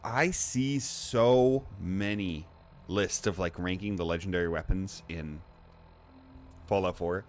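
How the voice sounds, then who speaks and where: Low-voiced man giving casual game commentary. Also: slow pace, slight background noise. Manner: rambling, self-correcting, chatty. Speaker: gaming video creator.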